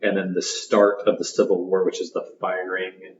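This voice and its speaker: Low-voiced man in his thirties, halting. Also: little pitch movement, a little hiss or hum. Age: 30s. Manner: halting, with many ums and restarts. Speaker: guest. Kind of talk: casual podcast chat. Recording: roomy, muffled podcast audio.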